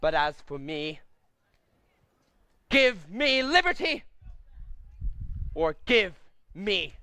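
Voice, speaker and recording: A man's voice: sits high, sing-song, drawn-out words, sharp tone, clear, resonant tone, dry recording, heavily acted. A man voicing a fiery orator in a cartoon, speaking in an impassioned, declamatory way. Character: fiery orator rousing colonists to war.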